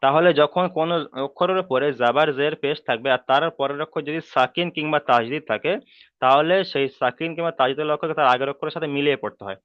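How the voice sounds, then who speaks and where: A man's voice: a little high, fast, clear, resonant tone, no room sound, dull audio. A man teaching a Quran reading class online, with a Bengali accent, patiently repeating rules and checking that students follow.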